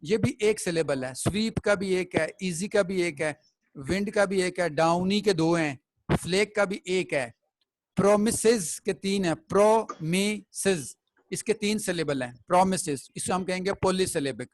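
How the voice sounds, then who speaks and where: A man's voice: high-pitched, moderate pace, no room sound, rough recording. A man teaching a classroom poetry lesson. He explains step by step and keeps checking that the students follow.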